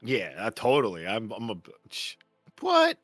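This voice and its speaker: A man's voice: on the low side, lively intonation, fairly quick, a bit bright, dry recording, soft background music. A man playing an awkward, eager newcomer. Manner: eager, awkward, agreeable, full of fillers. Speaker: player. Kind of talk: in-character tabletop role-play.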